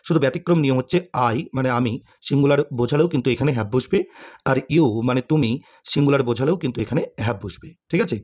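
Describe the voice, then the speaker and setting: A man's voice: mid-range voice, quick pace, a little mellow. A man teaching English grammar to students, asking questions and answering them himself, with frequent "okay?" check-ins.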